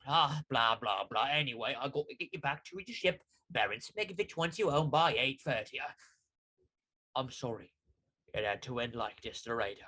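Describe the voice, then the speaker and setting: A man's voice: mid-range voice, animated, normal speed, bright, forceful tone. A man playing a breezy, mock-apologetic villainous captor in a sci-fi comedy spoof. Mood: flippant.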